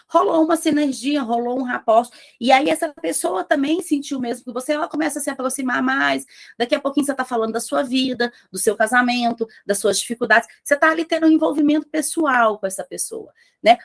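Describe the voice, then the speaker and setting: A woman mentoring business owners, speaking with emphasis and firing rhetorical questions at her listeners. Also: sits high. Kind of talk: motivational talk to entrepreneurs.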